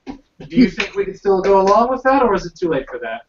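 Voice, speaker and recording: A man playing a tabletop game, talking in a polite, deliberate way. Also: high-pitched, very animated, slight background noise. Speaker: player. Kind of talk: casual tabletop game talk. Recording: roomy, distant, dull amateur recording.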